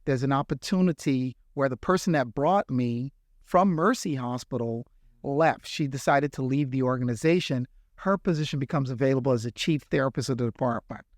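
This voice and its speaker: A man's voice: medium pitch, normal speed, dry recording, studio quality. A middle-aged man from the Bahamas, a healthcare executive, answering interview questions with earnest, reflective storytelling. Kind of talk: interview conversation.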